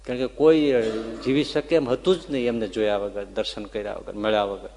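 A man retelling a devotional story as a sermon, his voice rising with feeling and dropping soft for the tender parts. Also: fairly low pitch, flat delivery, a little fast, vocal fry, a little hiss or hum. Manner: tells the story with emotional rises and soft dips. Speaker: religious storyteller. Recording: long reverb of a large hall.

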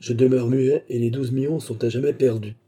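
A man's voice: mid-range voice, fairly even intonation, a little fast, mellow, slightly rough, voice pushed up, lightly acted. A man voicing a cold, scheming male baronet who dominates the man he is speaking to, in an audiobook reading. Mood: cold, commanding.

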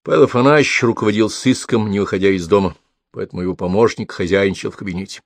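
Man, audiobook narration, even storytelling, low voice, dry close sound. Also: fast talker, no room sound. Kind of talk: scripted narration.

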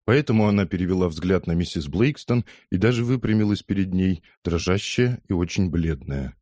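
A man narrating an audiobook in a measured, steady storytelling manner. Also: low voice, dry recording, studio quality.

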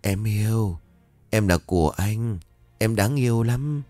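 Man doing a possessed young guy in a ghost tale: slow, sleazy, crooning demon, low voice. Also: dark tone, no room sound, faint music behind. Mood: leering, crooning.

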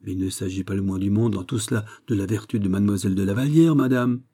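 A man's voice: on the low side, fast, warm tone, breathy edge. A man voicing an evasive young courtier. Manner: deferential, falsely innocent, polite. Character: evasive young male courtier, feigned naivety. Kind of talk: audiobook reading.

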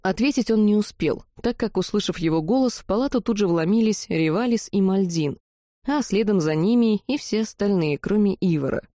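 A woman narrating a first-person audiobook with wry, lively delivery. Her voice is mellow and warm, recorded close and dry. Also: mid-range voice, fairly quick, dry recording.

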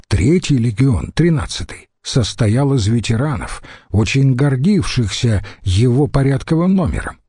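A man narrating a historical novel for an audiobook in an expressive, unhurried manner. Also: mid-range voice, breathy edge, no echo, studio quality.

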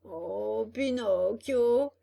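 A woman voicing a sly, crippled old fox who begs in a drawn-out pleading whine. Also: fairly high pitch, gravelly, warm tone, full character voice.

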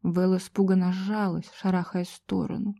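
A woman narrating an audiobook in a measured, tense storytelling manner. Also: fairly low pitch, flat delivery, creaky, dark tone.

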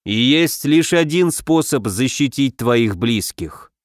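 A man voicing a stern heroic warrior who speaks in a low, firm, weighty way in an audiobook. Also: expressive, slow pace, no room sound, studio quality. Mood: grave firm. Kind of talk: audiobook narration.

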